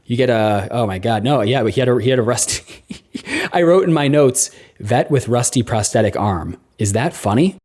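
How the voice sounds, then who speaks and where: A man co-hosting a film podcast in casual chat, jokey and quick to laugh. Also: mid-range voice, animated, a little mellow. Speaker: podcast co-host.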